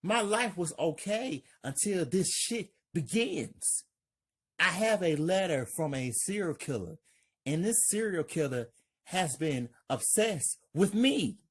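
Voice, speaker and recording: A terrified man, hunted by a killer, begs and shouts in a high, strained, husky voice, as a woman reading the story plays him. The pitch jumps well above her own low speaking voice. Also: lively intonation, slow, full character voice. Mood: anxious. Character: frightened young man stalked by a killer.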